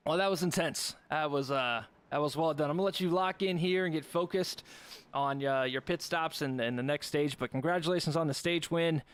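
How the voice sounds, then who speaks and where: A young man calling a sim racing broadcast, excitable and quick to laugh during close battles. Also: a little high, clear, resonant tone. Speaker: race commentator.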